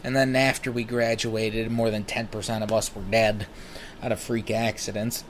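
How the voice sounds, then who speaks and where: A man in his thirties, smoking while he talks, telling rambling personal stories in a casual, animated way and swearing freely. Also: lowish voice, normal speed, slight background noise. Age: 30s. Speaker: vlogger.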